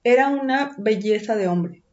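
A woman with a Mexican accent tells a personal story in casual chat, animated and full of slang and swearing. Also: a little high, moderate pace, highs cut off.

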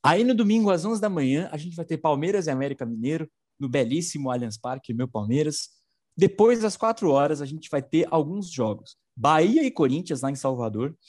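Man, news co-host, sarcastic, slangy, somewhat high voice. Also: expressive, a little fast, a little mellow. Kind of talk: informal political news commentary.

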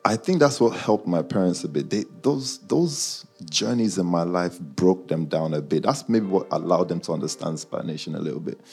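Speaking with a low, creaky, darkish and slightly rough voice, this London-accented man keeps up a loose, slangy chat with live and online listeners, needling them as he talks. He has Nigerian roots, grew up partly in Guyana, and went to school in the UK.

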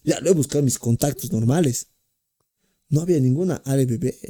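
A man co-hosting a casual podcast, animated and storytelling. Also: medium pitch, fairly quick. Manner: animated storyteller, voices himself and his partner. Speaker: podcast co-host. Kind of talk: casual chat.

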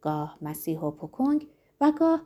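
A woman narrating an audiobook chapter with expressive storytelling. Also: fairly low pitch.

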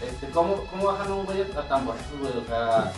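A young Mexican man co-hosting a casual podcast, teasing his partner with quick joking interjections. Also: mid-range voice, expressive. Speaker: podcast co-host. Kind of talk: casual banter. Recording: roomy room, far from mic, music behind.

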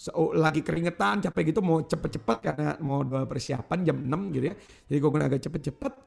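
A man in his thirties preaches to a youth church service in a high, heavily gravelly voice. He calls for the crowd's responses and slips into casual storytelling. He refers to himself in the third person. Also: fast, darkish tone. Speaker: youth pastor. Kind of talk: sermon.

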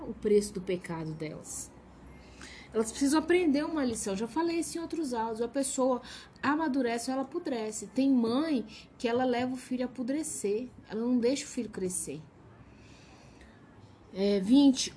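A woman's voice: a little high, dark tone, slight background noise. A woman with a Brazilian accent giving informal devotional teaching, reading a verse and then commenting on it in a blunt, emphatic way. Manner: blunt and emphatic, scolding asides. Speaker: Bible teacher.

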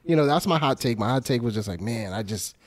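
A man on a podcast panel, talking in an animated, slangy way and saying "like" a lot. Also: medium pitch, fast talker, no room sound. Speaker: panel guest. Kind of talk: casual podcast discussion.

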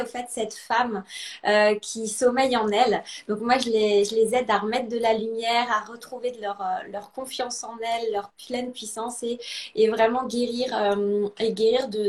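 A woman from Alsace, France, a guest in a live online interview, speaking softly and hesitantly with many fillers. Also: fairly high pitch, roomy sound.

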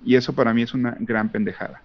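Mexican man, casual podcast chat, slangy and rambling, middle pitch, dull lo-fi sound. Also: steady tone, quick pace. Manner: rambling, frequent restarts and slang. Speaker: podcast co-host.

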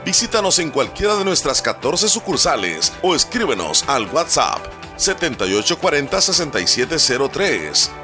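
A man's voice: on the high side, big pitch swings, moderate pace. A man voicing a radio commercial in an upbeat, salesy announcer style. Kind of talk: radio ad voice-over. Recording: broadcast ad with music bed.

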